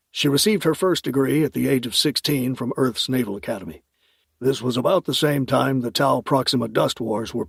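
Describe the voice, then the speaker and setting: A man's voice: mid-range voice, gravelly, breathy edge, dry recording, clean studio sound. A man voicing a wry, talkative elderly uncle in an audiobook, genial and teasing as he tells a story.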